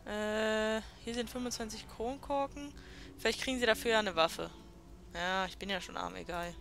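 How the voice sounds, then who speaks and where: Bright-voiced woman doing game commentary. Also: medium pitch, fairly even intonation, normal speed, vocal fry, faint music behind. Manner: chatty, sarcastic, reads dialogue aloud. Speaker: let's play host. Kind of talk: gameplay commentary.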